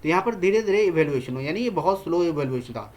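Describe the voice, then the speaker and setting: Teacher for an exam-prep lesson: reads English lines slowly, explains in mixed languages, checks in constantly. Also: medium pitch, lively intonation, a little mellow. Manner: constantly checks in with "theek hai" fillers.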